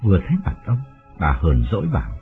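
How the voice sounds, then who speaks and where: A man narrating an audiobook story with expressive delivery, recorded with a tinny phone-like sound and faint music behind. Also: low voice, quick pace.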